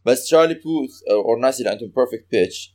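A man's voice: mid-range voice, very fast. A man with a Levantine Arabic accent explains casually, switching between Arabic and English mid-sentence. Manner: animated explainer, hesitant repeated words. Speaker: guest who takes singing lessons.

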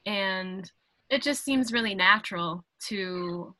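A woman playwright in a casual interview, speaking thoughtfully with many pauses and fillers. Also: medium pitch, sharp tone, no echo, rough recording. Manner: thoughtful, halting, with frequent fillers and laughs. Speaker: guest artist, playwright.

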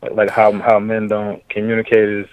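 A man calling in to a casual chat over a muffled remote line that breaks up, talking in a halting way and searching for words. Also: lowish voice, completely flat delivery, darkish tone, no room sound. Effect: muffled remote call line, audio breaking up. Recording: dull lo-fi dry call audio.

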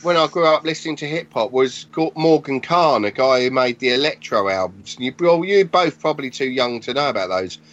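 A man in his forties, a graffiti artist guest on a podcast, telling stories in casual chat with animated energy and casual swearing. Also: medium pitch, a little fast, few pauses. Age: 40s. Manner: animated storytelling, swears freely. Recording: dull lo-fi podcast audio.

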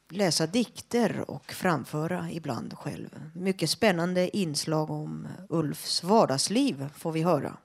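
A woman hosting a community radio show introduces the next contributor. Her voice is very low and gravelly. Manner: announcing, introducing the next item. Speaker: radio host.

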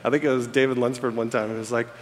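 A man's voice: mid-range voice, flat delivery, very fast, a little hiss or hum. A man in his thirties, born in Egypt and raised in America, giving a candid, self-deprecating farewell talk to a congregation. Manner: candid, self-deprecating storytelling with frequent fillers. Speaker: church staff member giving a farewell speech. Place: church auditorium on stage. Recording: long reverb of a large hall. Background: audience laughter.

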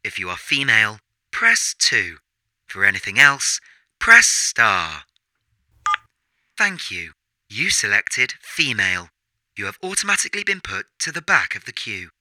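A man voicing a smug automated phone menu for a comedy sketch, sounding flat and patronizing. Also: lowish voice, measured pace, no echo, clean studio sound, full character voice. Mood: mock polite.

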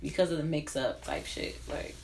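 A woman's voice: low-pitched, big pitch swings, moderate pace, vocal fry, echoey room, a crowd in the background, poor audio. A woman guesting on a podcast, talking in a laid-back, dismissive, profane way. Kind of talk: casual podcast chat.

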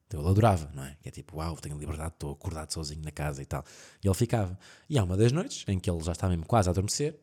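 On a podcast, a man with a European Portuguese accent casually tells creepy stories in a low voice with a breathy edge. He is animated, laughing often and shouting out the characters' voices as he acts them.

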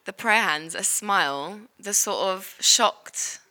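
A woman's voice: medium pitch, slow pace, pushed and bright. A British-accented woman chatting casually as a panellist on a podcast. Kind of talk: casual chat.

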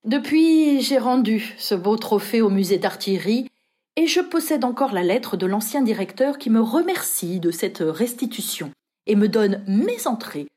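A woman reading memoir prose aloud in a lively, expressive audiobook narration. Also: a little high, normal speed. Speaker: reader.

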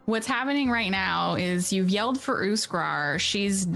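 Woman, game master, casual narration, filler words, mid pitch. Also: animated, a little slow, creaky, fairly bright tone, faint music behind. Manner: casual, many fillers, laughing.

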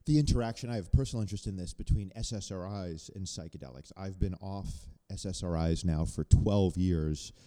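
A man's voice: sits low, fairly quick, few pauses, mellow, long reverb tail. A man in casual podcast chat, earnestly explaining research at length.

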